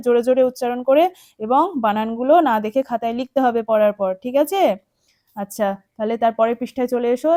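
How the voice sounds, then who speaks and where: Female primary teacher, West Bengal Bengali accent, gentle coaxing lesson voice, soft mellow tone. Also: fairly high pitch, no room sound, studio quality. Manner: patient, coaxing, checks in with "ঠিক আছে?". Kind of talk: children's textbook lesson, spelling words aloud.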